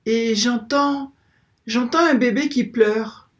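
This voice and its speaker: A reader voicing an awestruck young shepherd in a devotional story, speaking in a hushed, wondering way. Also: medium pitch, slow pace, pitched above the performer's own voice. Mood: awed.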